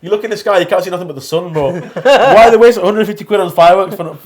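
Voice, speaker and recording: A man co-hosting a podcast, blunt and excitable, dropping "bro" into his casual chat. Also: sits high, very fast. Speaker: podcast co-host.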